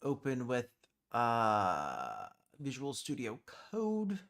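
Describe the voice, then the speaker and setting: This livestream host, a British Sign Language native, works while thinking aloud, gets exasperated easily, and curses quietly. His mid-range voice swings hugely in pitch, moves very slowly, and is slightly bright with vocal fry.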